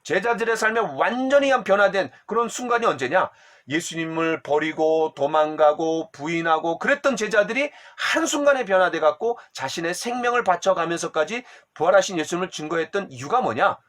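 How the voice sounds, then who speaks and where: A middle-aged man, a pastor, teaching a church discipleship class in an animated way, often asking the listeners questions. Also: sits high, fairly quick.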